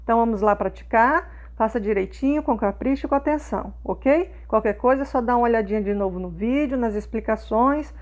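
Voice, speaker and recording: A woman's voice: fairly high pitch, fairly quick, few pauses, muffled recording. A woman teacher patiently walks young pupils through schoolwork, often checking in with short questions.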